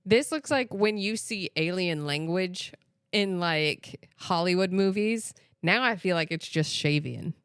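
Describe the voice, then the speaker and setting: An American woman co-hosting a podcast, talking in a chatty, animated way full of "like" and "literally". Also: lowish voice, unhurried, clear, resonant tone, dry recording, studio quality. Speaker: podcast co-host. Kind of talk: casual chat.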